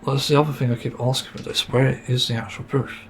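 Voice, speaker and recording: A man's voice: mid-range voice, little pitch movement, quick pace, a bit bright, slight background noise. Exasperated man ranting solo. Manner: frustrated, swearing, many fillers and sighs. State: sore throat, mint in mouth. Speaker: podcast host. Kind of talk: solo podcast rant.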